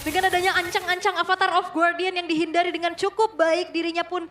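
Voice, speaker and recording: A woman's voice: very high-pitched, level tone, fast. A woman with an Indonesian accent commentating and analysing a match as an esports caster. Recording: loud music under the voice. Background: loud music.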